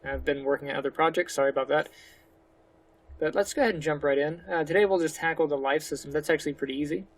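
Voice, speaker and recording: A man hosting a casual step-by-step game development tutorial, speaking relaxed and a little slurred, walking through each step on a desktop mic. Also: fairly high pitch, quick pace. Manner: relaxed, slightly slurred speech; talks through each step with fillers like "go ahead". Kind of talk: casual screen-recorded tutorial.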